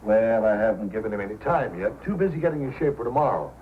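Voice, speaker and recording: A dull old radio recording with music captures an actor, lightly acting, as a hearty, fatherly sled-dog racer who is confident, folksy, and good-natured. He speaks fast in a fairly low, expressive voice, with a little hiss or hum in the background.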